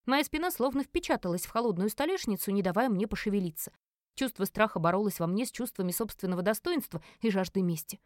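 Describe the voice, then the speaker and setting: A woman narrating a first-person fantasy audiobook with an expressive, dramatic reading. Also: mid-range voice, fast, dry recording, studio quality.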